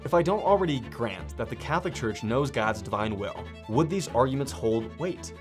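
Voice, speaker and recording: A man's voice: mid-range voice, animated, normal speed. A man in his twenties giving sarcastic video-essay commentary into a close desk microphone. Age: 20s. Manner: sarcastic, swearing. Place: small indoor studio room at a desk. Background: music.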